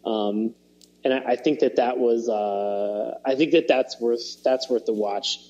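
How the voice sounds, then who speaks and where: A man's voice: medium pitch, unhurried, dark tone, muffled recording. A man on a podcast chatting casually, rambling with many fillers and restarts and laughing as he retells scenes. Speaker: podcast co-host. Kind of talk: casual chat.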